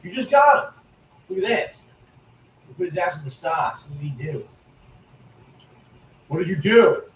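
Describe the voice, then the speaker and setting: A man's voice: a little high, very animated, moderate pace, fairly bright tone, a little hiss or hum. A man giving casual, wry gameplay commentary and musing aloud as a game streamer. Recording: distant roomy lo-fi stream recording.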